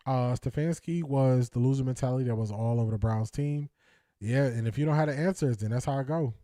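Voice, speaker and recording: A sports talk show host runs a casual stream, reading viewer comments and replying hesitantly with many restarts, fillers, and laughs. His medium-pitched voice is mellow and fairly quick, captured in clean studio sound with no echo.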